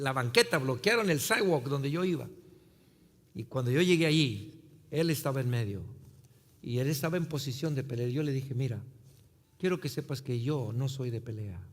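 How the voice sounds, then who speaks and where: A man preaching as a pastor, telling a personal story in an animated way. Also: medium pitch. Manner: animated storyteller, acting out voices in his tale. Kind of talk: sermon storytelling. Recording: long hall reverb.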